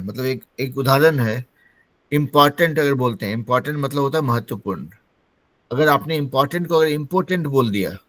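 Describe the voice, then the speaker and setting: A man's voice: on the high side, no echo. A man from Bihar teaching an online English-speaking class over a video call, explaining patiently in a mix of Hindi and English. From Bihar, India.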